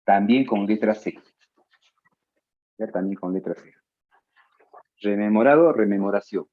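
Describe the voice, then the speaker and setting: A male teacher giving a spelling lesson, drawing out his words slowly and adding playful asides to his students. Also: on the low side, narrow, tinny audio. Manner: slow, drawn-out words, playful asides to the listener.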